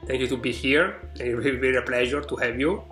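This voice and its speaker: A man's voice: medium pitch, a little fast, over music. Podcast host man in a roomy echo. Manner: non-native phrasing, soft trailing asides. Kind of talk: hosting an interview podcast.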